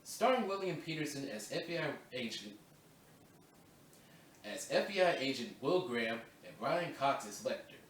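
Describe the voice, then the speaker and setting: Between voice-over takes for a video essay, this man chats casually and restarts lines to correct his reading. He speaks at normal speed in a sing-song, mid-range voice, and the distant mic picks up roomy echo, faint ambience and slight hiss or hum.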